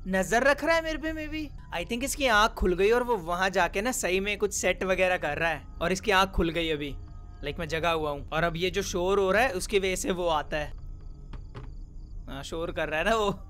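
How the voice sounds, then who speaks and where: Excitable high-voiced young man gaming. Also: normal speed, soft background music. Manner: excitable, joking, loud reactions. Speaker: gaming YouTuber. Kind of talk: horror game let's play commentary.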